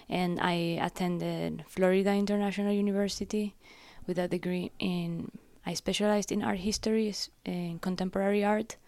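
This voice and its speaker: A woman's voice: fairly low pitch, clear, resonant tone, no echo. A woman, answering interview questions as a curator in a reflective, conversational way. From Ecuador. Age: 30s. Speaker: curator and gallery director.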